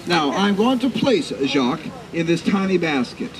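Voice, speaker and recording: A man working as a flea circus showman, delivering grandiose, mock-formal carnival patter to a live audience with dramatic, drawn-out emphasis. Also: on the high side, big pitch swings, poor audio. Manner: mock-formal, addressing onlookers as ladies and gentlemen. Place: live public show at a community event. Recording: live event with crowd noise behind. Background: audience crowd.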